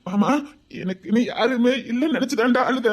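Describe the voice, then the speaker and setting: Woman doing a sad village uncle, tirunelveli accent, kinda high voice, emotional and pleading. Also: fairly quick, natural voice. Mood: relieved. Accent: Tirunelveli Tamil. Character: grown man, a lonely, remorseful uncle. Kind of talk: village web drama acting.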